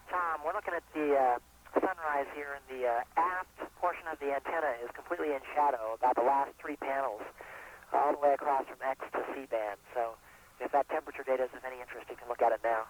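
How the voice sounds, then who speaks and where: A man's voice: mid-range voice, fairly quick. A man reporting from orbit over a space-to-ground radio link, giving a clipped, matter-of-fact technical update. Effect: space-to-ground radio transmission. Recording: distant radio link with faint hiss.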